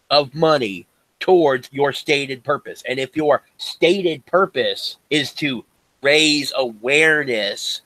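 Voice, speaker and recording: A man's voice: fairly high pitch, a bit bright, dry recording, low-quality recording. A man in a casual podcast chat, explaining things at length on a voice call.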